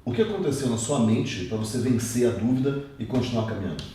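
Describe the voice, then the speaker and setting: A man's voice: medium pitch, quick pace, mellow, slight background noise. A man from Brazil hosting an interview, chatting casually and asking probing questions. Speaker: interview host. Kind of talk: conversational interviewing. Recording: roomy echo from a distant mic.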